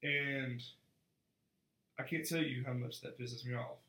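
A man's voice: medium pitch, steady tone, a little slow, sharp tone, echoey room. A young man co-hosting a casual faith podcast, frank and earnest, often repeating words as he starts a sentence. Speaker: podcast co-host.

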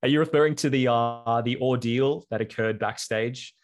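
A man's voice: mid-range voice, moderate pace. A young man, co-hosting a podcast and telling a long, rambling story full of fillers. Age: young adult. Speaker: podcast co-host. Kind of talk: casual podcast chat.

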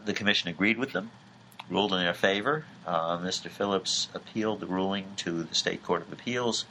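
A middle-aged man explaining a court case in a measured way, with frequent filler sounds. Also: deep voice, bright, forceful tone, a little hiss or hum, poor audio. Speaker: legal commentator. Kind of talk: conversational legal explanation.

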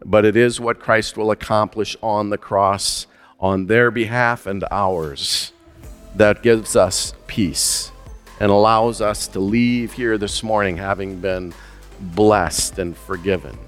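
Slow, smooth-voiced male preacher. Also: fairly low pitch, steady tone, in a large hall, soft background music. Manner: measured, deliberate preaching with slow emphatic phrases. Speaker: pastor. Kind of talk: sermon.

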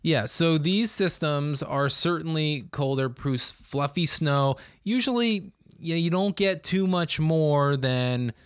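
A man hosting a weather podcast, talking in a relaxed, conversational way with plenty of fillers. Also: a little high, takes it slowly, hardly any pauses, clear, resonant tone, no echo, studio quality. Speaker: meteorologist podcast host. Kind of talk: casual chat.

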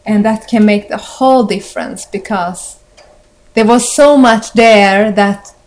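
A woman from Sweden with a Swedish accent, hosting a podcast and speaking in a thoughtful, gentle way with frequent pauses. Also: mid-range voice, low-quality recording. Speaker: podcast host. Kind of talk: reflective interview talk.

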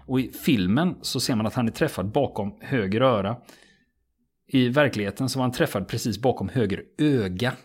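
A man retelling a true story in a relaxed podcast conversation, steady and matter-of-fact, with frequent small fillers. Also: mid-range voice, husky.

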